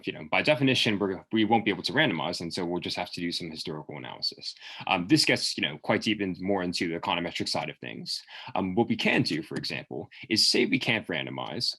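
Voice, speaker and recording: Fast-talking, low-voiced man in a job interview. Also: lively intonation, pushed and bright, husky. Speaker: candidate in a mock job interview. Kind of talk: explanatory interview answers.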